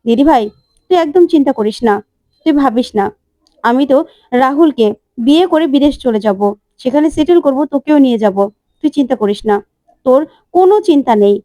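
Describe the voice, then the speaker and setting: Titli, a headstrong young bride who snaps and scolds in a high, quick voice, as a woman storyteller puts her on. She sounds mellow and dry, as in a retold TV serial. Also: expressive, no room sound. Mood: coaxing, demanding. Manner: defiant, scolding, shouting demands. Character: headstrong young bride set on going abroad.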